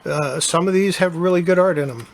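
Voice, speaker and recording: Older male host, slightly high voice, easygoing show-and-tell about his collection. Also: a little fast, a little hiss or hum. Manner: relaxed, chatty, with fillers.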